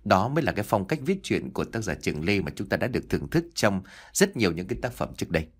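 A man's voice: fairly low pitch, big pitch swings, fast, husky. A man reading a rural mystery story aloud as narrator, formally addressing his listeners. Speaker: audiobook narrator.

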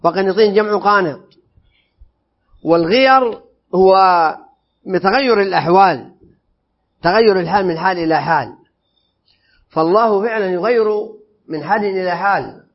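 A man's voice: high-pitched, normal speed, long pauses. A man teaching a religious creed lesson, explaining phrase by phrase and putting questions to his listeners. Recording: dull lo-fi lesson recording.

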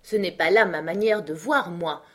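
A woman's voice: lowish voice, moderate pace, natural voice. A woman reader voicing a carefree, swaggering young man who answers his sister with mock politeness. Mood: mock-polite, airy. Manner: airy, mock-polite, sing-song.

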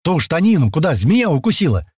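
A commanding older man barks short orders, voiced by an audiobook narrator. His shouts rise and fall sharply in a dry, close recording. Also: fairly high pitch, sing-song, fairly quick, breathy edge, dry recording, voice pushed up, full character voice.

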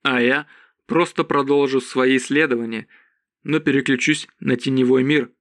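Man reading as calm serious mage guy, mid voice, dry audiobook sound. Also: mid-range voice, moderate pace, dry recording, lightly acted. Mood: grave. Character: grave male mage, scholarly and calm.

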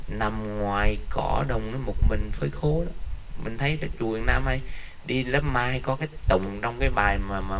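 A man's voice: lowish voice, poor audio. Monk for a dharma talk, man, chatty storyteller, keeps checking in with listeners, faint hiss behind. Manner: conversational, tells funny stories, asks listeners often. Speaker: Buddhist monk teacher.

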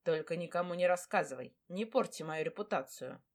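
In a low, hushed voice, a woman performs the role of a proud, brooding dragon lord addressing his fiancée with tenderness. The delivery is brisk and only lightly acted.

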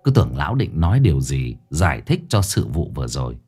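Guy narrating a spooky story, lively, lots of pitch movement. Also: fairly quick, soft background music.

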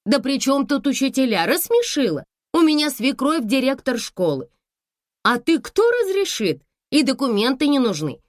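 A woman reading an audiobook voices a grown daughter who pleads rapidly and breathlessly over the phone. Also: high-pitched, very animated, dry recording, studio quality, pitched above the performer's own voice. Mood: pleading, excited.

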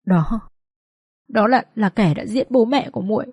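A woman's voice: a little high, brisk, no echo, lo-fi sound, natural voice. A woman as a sobbing frightened girl. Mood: tearful. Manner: sobbing, trembling. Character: tearful frightened teenage girl.

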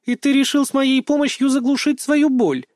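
A bubbly, teasing teenage schoolgirl, as a male narrator puts her on, lifted high above his own voice. She fires off questions in a bright, playful rush. The recording is close and dry. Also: dry recording. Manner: teasing, rapid-fire questions. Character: chatty cheeky teenage schoolgirl.

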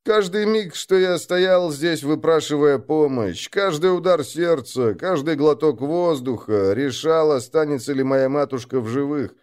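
A man's voice: a little high, unhurried, hardly any pauses, a little mellow. A man narrating a first-person story in an urgent, emotional way.

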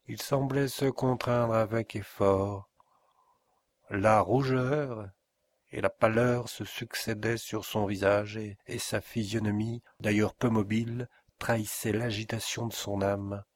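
Low-voiced man reading an audiobook. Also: no room sound. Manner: measured, literary reading. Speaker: audiobook reader. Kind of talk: scripted narration of a classic novel.

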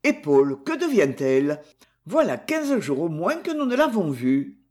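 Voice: medium pitch, very animated, measured pace, darkish tone. Reader playing a stern old colonel, clipped and indignant, audiobook. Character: stern old male colonel, quick to anger. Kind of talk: audiobook character reading.

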